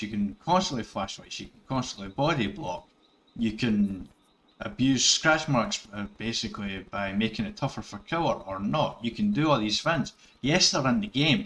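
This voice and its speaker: A middle-aged gaming YouTuber from Scotland rambles through casual commentary over gameplay, correcting himself and chuckling along the way. His voice is mid-range and a bit bright.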